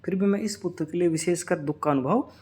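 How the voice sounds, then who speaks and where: A male teacher who reads a passage phrase by phrase and explains the meaning of each word in a steady lesson style. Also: sits high, quick pace, a little hiss or hum.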